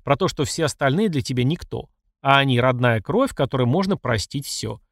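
A man's voice: medium pitch, expressive, a little fast, no room sound, studio quality. A man voicing a furious middle-aged emperor who scolds and accuses his mother. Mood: angry. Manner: angry and accusing.

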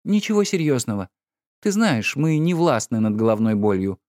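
A man reading an audiobook, voicing an irritable, distraught young noblewoman with sharp, exasperated outbursts. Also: medium pitch, very animated, normal speed, no echo, clean studio sound, natural voice.

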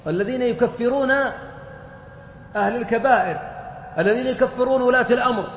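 Male religious teacher, very high voice, explanatory lecture, recorded muffled in a long-echo hall. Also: quick pace, a little hiss or hum. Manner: explanatory, with lively everyday examples.

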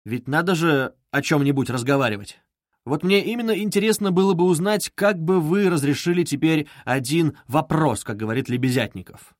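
A man's voice: fairly high pitch, moderate pace, no echo, voice pushed up, lightly acted. A man voicing a brooding, feverish young man who presses his questions insistently, read as an audiobook in a dry studio. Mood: pressing. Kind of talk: audiobook reading.

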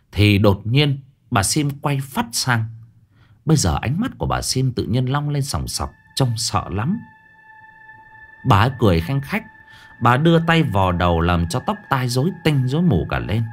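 A man narrating a ghost story in a dramatic storytelling manner. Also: fairly low pitch.

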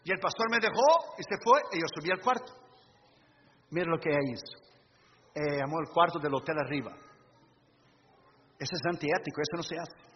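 A middle-aged man preaching a sermon as pastor, emphatic, with sudden loud bursts and hushed asides. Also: a little high, brisk, long pauses, breathy edge. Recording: dull lo-fi recording with long hall reverb.

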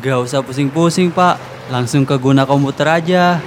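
A man playing a calm, helpful neighbour offering practical advice in a radio ad skit. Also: mid-range voice, normal speed, noisy background, lightly acted. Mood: helpful, upbeat.

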